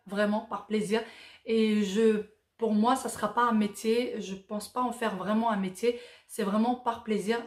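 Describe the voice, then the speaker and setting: A woman's voice: on the high side, roomy sound. A Moroccan-born woman in her thirties, chatting casually as she reads out viewer questions and answers them with plenty of fillers. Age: 30s. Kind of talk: casual Q&A vlog.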